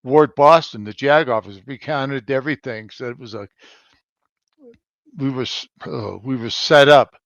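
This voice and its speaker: An older man from Colorado tells his navy story over a call, his words halting and his volume rising and falling. The audio is dull and lo-fi but dry, with no room sound. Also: medium pitch, gravelly, no echo. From Colorado, United States. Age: 70s. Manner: halting, with frequent pauses and swings in loudness. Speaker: navy veteran guest. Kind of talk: conversational interview answers.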